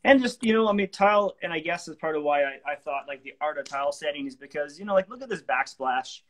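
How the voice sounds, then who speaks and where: Middle-aged male host, easygoing and agreeable, voice a touch higher than average, webcam sound. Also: lively intonation, quick pace, a bit bright. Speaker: show host, renovation company. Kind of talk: casual interview talk. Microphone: video call webcam.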